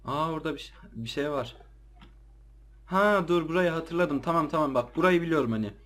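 A man's voice: a little high, lively intonation, brisk, fairly bright tone. A man giving casual, slangy commentary while playing a horror game, jumpy and easily startled as he talks to his viewers. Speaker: let's play gamer.

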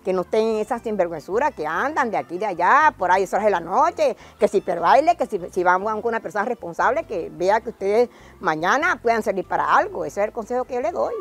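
An older woman with a Venezuelan accent, telling lively stories from her childhood in an interview and acting out cries in a high voice. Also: fast talker. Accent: Venezuelan Spanish. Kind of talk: lively storytelling.

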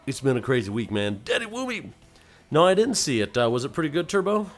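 A man's voice: medium pitch, very animated, quick pace. A man hosting a casual game livestream, chatting loosely and playfully with viewers and slipping into silly voices. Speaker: livestream host.

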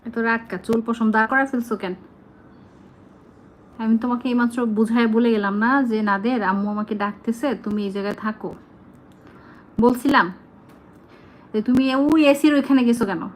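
A woman's voice: a little high, moderate pace, pauses often, slight background noise, low-quality recording. A woman, talking casually to her pet bird, scolding it and then coaxing it in a sing-song voice. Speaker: pet owner.

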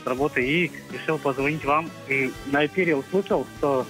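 A man calling in to a live show by phone, chatting casually and a little haltingly. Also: fairly high pitch, fairly bright tone. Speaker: phone-in caller. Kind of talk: hesitant casual chat. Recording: phone call with faint music.

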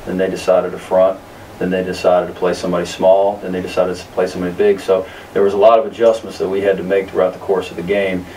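Deep voiced coach guy in his 30s at a press conference, talks slow and careful with lots of ums, kinda far from the mic, bit of hiss. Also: flat delivery, a little mellow. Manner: measured, many fillers and restarts. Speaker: basketball coach. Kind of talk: post-game press conference answers. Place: press room in front of a sponsor backdrop.

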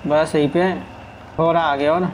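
A man's voice: fairly high pitch, fairly even intonation, unhurried, a little hiss or hum, low-quality recording. A man giving casual commentary as he plays a game, chatting to his truck and his viewers. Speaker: gaming streamer. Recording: faint game sounds in background.

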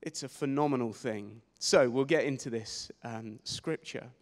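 A man's voice: mid-range voice, a little slow. Guy preaching w handheld mic, keeps restarting words, big echoey church hall. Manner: energetic, gesturing, repeats words when starting phrases. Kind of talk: sermon. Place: church stage in a large hall. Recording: long hall reverb.

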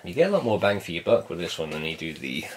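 A man's voice: sits low, very animated, fast talker, background noise. A man chatting casually as he unboxes a vinyl set, laid-back and jokey, swearing now and then. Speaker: vinyl collector vlogger.

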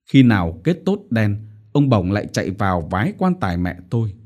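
A man narrating a short story as an audiobook in a measured storytelling manner. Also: on the low side, big pitch swings, darkish tone, highs cut off.

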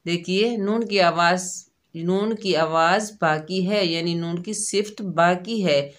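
A woman teaching Quran recitation rules step by step, explaining each letter patiently and then chanting the syllables drawn out and louder. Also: fairly low pitch, slow. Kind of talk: tajweed lesson, slow syllable drills.

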